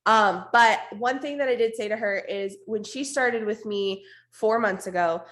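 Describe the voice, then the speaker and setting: A woman with a hoarse, raspy, strained voice gives an informal, emphatic, unscripted motivational team talk on a video call. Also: medium pitch, measured pace, a bit bright. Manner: informal, emphatic, repeats for stress, blunt. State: hoarse, losing her voice, coughing now and then. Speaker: network marketing team leader hosting an online meeting.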